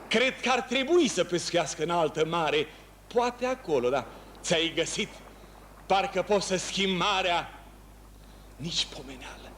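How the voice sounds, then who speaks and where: A man's voice: fairly high pitch, a bit bright. An actor playing a lonely fisherman who talks to himself, musing aloud and breaking into long calls. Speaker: actor in a one-man stage play. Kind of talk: theatrical monologue. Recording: noisy ambient background.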